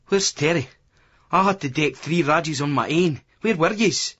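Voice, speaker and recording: A man's voice: medium pitch, brisk, fairly bright tone, husky. A man voicing a drunk, agitated young Scottish boxer in an audiobook, sounding aggrieved, on a dull lo-fi recording. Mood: indignant.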